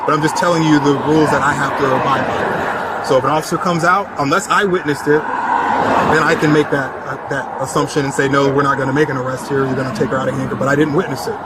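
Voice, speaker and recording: Fast-talking police supervisor on noisy body cam audio. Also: male voice, medium pitch, steady tone. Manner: measured, explanatory, repeats and rephrases. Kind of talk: body cam audio, explaining procedure to a detained driver. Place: outdoors by a roadside traffic stop. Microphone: body-worn camera. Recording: body cam audio, loud outdoor traffic noise.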